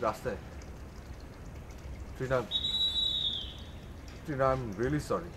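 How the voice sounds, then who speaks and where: A man's voice: mid-range voice, expressive, slow, background noise. An actor playing a tired husband, curt and dismissive toward his wife, later remorseful. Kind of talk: TV drama acting.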